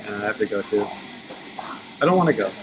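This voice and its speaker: A man's voice: fairly low pitch, lively intonation, quick pace. A man from Long Island with an American accent, chatting casually in a joking, irreverent way. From Long Island, United States. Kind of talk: casual bantering chat. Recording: noisy live webcam stream.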